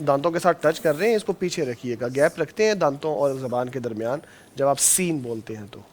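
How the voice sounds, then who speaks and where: A man with a Pakistani Urdu accent teaching Quran recitation, gently correcting and encouraging his pupils step by step. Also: mid-range voice. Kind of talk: patient classroom instruction.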